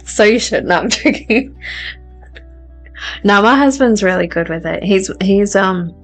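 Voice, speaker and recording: Talking a little slowly in a mid-range voice, this adult woman hosts a live tarot stream. She reads viewer comments aloud, chats casually, and often laughs at herself, with faint music playing behind her.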